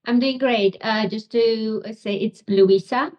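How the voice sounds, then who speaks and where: A middle-aged woman from Romania, a physician and author, answering interview questions slowly with many pauses and ums. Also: on the high side, rough recording. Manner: slow, halting, many ums.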